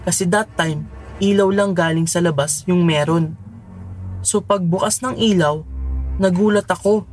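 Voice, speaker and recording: A podcast host from the Philippines, chatting informally and reading listener horror stories aloud, with casual reactions between them. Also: medium pitch.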